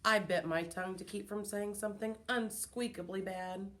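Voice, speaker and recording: A woman reading a children's chapter book aloud, in an expressive storytelling manner. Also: medium pitch, normal speed. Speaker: reader.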